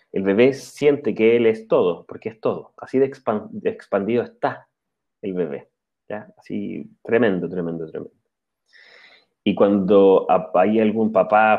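A man giving a calm, reflective spiritual talk, often checking in with a questioning "ya" and pausing on "eh". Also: fairly low pitch. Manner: calm, explanatory, pauses with "eh". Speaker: spiritual speaker. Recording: dull lo-fi recording.

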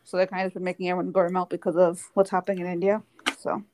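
A young woman co-hosting a podcast in casual chat, talking quickly with lots of fillers and frequent giggles. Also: on the low side, little pitch movement, background noise. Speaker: podcast co-host.

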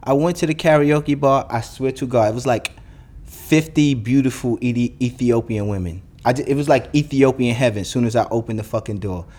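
New dude on his podcast, cussing, venting hard, regular pitch. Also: brisk, darkish tone. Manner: profane, blunt, heated ranting. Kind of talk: solo podcast monologue.

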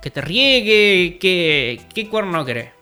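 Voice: mid-range voice, very animated, pushed and bright, smooth, soft background music, exaggerated voice. A storyteller with a Rioplatense accent voicing a vain, dim-witted king who blusters and complains. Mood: blustering. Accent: Rioplatense Spanish. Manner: blustering, whining, quick complaints.

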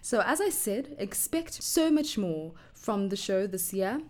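A woman's voice: mid-range voice, lively intonation, measured pace. A woman hosting her own podcast, talking chattily and upbeat, sometimes dropping into a near-whisper. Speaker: podcast host. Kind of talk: solo podcast chat.

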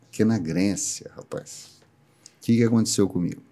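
A man's voice: lowish voice, normal speed. A middle-aged Brazilian man with a Brazilian Portuguese accent, chatting as a guest and telling a story with frequent laughs. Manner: animated storyteller who laughs often. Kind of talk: casual podcast chat.

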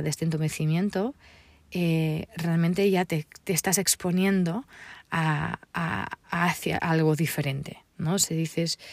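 A woman coach giving a gentle, reflective talk on emotional healing. She speaks hesitantly and often ends phrases with a questioning "right?". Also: sits low, dry recording.

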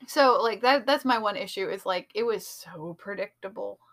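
Woman podcast co-host, bright voice, casual and analytical, talks in run-on thoughts. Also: medium pitch, moderate pace. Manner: chatty, analytical, many fillers like "like" and "um". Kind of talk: casual chat reviewing a TV episode.

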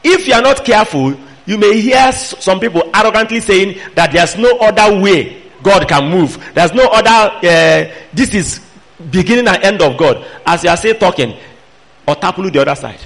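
A man's voice: high-pitched, expressive, moderate pace, a bit bright. A man with a Nigerian accent preaching a sermon, emphatic and admonishing, putting pointed questions to his listeners. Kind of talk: sermon to a fellowship.

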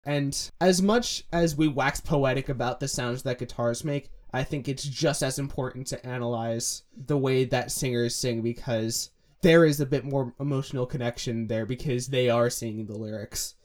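A man's voice: medium pitch, fairly even intonation, normal speed. A young man breaking down vocal diction. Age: young adult. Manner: explains pronunciation by demonstrating sounds. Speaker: music analysis co-host. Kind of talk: casual analytical chat.

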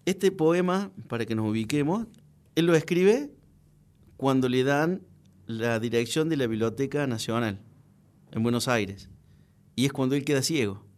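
A man's voice: mid-range voice, animated, a little slow, long pauses, darkish tone. A man, talking casually on a radio show, hesitant and full of restarts, reciting poetry with feeling.

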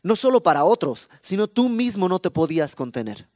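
Mexican male preacher, higher-pitched voice, emphatic conversational sermon, dry close sound. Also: sing-song, brisk, a little mellow, no room sound. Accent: Mexican Spanish.

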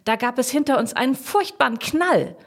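A woman's voice: sits high, expressive, normal speed, slightly rough, pitched above the performer's own voice, exaggerated voice. Flustered, fretful older lady, voiced by a woman. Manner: breathless, fretful.

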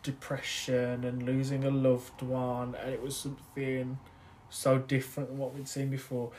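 A man co-hosting a podcast, talking in a relaxed, thoughtful and hesitant way. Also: medium pitch, moderate pace, a little hiss or hum. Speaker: podcast co-host. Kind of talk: casual chat.

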